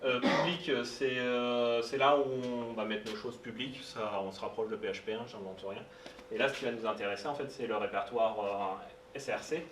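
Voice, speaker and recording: A man's voice: mid-range voice, moderate pace, fairly bright tone. Hesitant man speaking in an echoey room. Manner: hesitant, many fillers, informal asides. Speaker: meetup speaker. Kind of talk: live technical talk. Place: meetup room. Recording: roomy sound, distant mic, faint noise.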